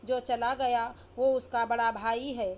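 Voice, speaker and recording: An elderly father-in-law, indignant and reproachful, as voiced by a woman reading the story. He speaks up loudly in a storybook telling. The voice runs a touch high and flat. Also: measured pace, a little hiss or hum, natural voice. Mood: angry. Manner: loud, reproachful.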